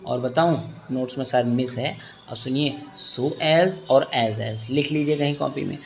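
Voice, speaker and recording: A man's voice: mid-range voice, a little slow, vocal fry, a little mellow. A man in his thirties with a Hindi accent, teaching an English grammar lesson to students. He is patient, repeats key points and checks in with the class often.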